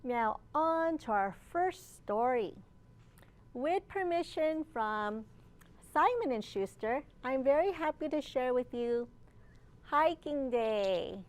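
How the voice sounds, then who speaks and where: This storytime librarian has a high voice and reads a picture book at an unhurried pace, leaving deliberate gaps between phrases and asking the young audience questions. Her intonation is lively.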